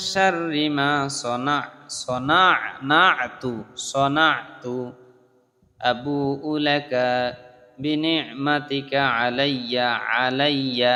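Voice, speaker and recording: Male recitation teacher, slow melodic chanting then brisk correction, long echo. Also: fairly high pitch, sharp tone. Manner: chants Arabic prayer slowly, then corrects pronunciation in rapid speech. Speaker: religious teacher. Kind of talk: recitation lesson.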